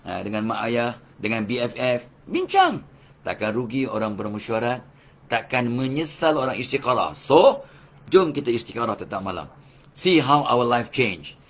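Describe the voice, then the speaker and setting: A man's voice: medium pitch, a bit bright. An older man with a Malaysian Malay accent, giving a religious motivational lecture full of rhetorical questions and chuckles. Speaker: motivational speaker.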